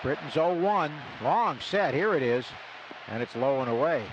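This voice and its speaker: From the broadcast booth at the stadium, a slightly high-voiced American man delivers live radio play-by-play of a baseball game with lively intonation at a normal pace. Loud ballpark noise fills the muffled recording.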